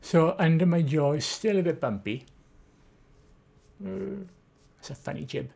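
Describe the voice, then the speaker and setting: A Welsh live streamer with a Swansea accent talks at a measured pace, in a medium-pitched, darkish voice with vocal fry. Chatty and self-deprecating, they read viewers' comments aloud.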